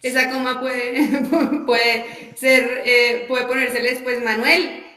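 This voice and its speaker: A woman's voice: high voice, little pitch movement, slow, pushed and bright. A woman, a podcast guest, agreeable and chiming in with laughter. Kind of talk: casual chat. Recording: roomy sound from off mic.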